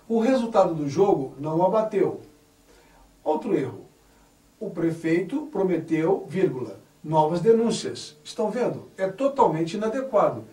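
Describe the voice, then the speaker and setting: This grammar lesson comes from a man whose high, slightly mellow voice rises and falls a lot as he moves at a slow, deliberate pace. He spells words out carefully and presses hard on each correct form. The mic is distant, and the room echoes.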